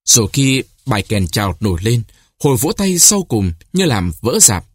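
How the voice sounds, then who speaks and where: A man reads a short story aloud in a husky voice, his pitch rising and falling with animated storytelling. The sound is dry and close, with no room around it. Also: moderate pace, no room sound. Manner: expressive storytelling, lifting the voice for cries and quoted shouts. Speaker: narrator. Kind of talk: audiobook reading of a short story.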